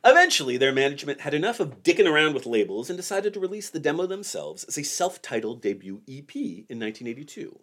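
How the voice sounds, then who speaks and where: A man's voice: on the high side, sing-song, fast talker, hardly any pauses, fairly bright tone. A man in his forties hosting a podcast, telling a band's history in a wry, joking way. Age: 40s. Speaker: podcast host. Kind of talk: casual podcast chat.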